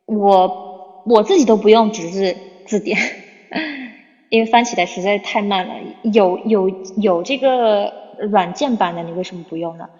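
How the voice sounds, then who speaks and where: A woman's voice: mid-range voice, a little slow, darkish tone. Blunt woman teacher on phone livestream. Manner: blunt, scolding; reads viewer questions aloud. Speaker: English teacher. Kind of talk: casual livestream Q&A. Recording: dull lo-fi phone livestream with long reverb.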